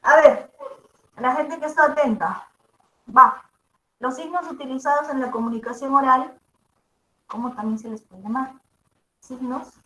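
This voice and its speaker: A woman's voice: high-pitched, a little slow, pauses often, bright, forceful tone. A woman teacher with a mezzo-soprano voice gives a classroom lecture, checking in with her students after each point. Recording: echoey room.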